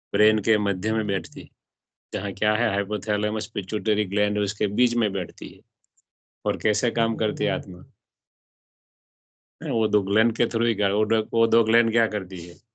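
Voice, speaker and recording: A man's voice: fairly low pitch, no echo. A man explaining a religious text to a small class, often asking his listeners questions and mixing in English words. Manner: asks the audience questions and mixes in English words. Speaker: spiritual teacher.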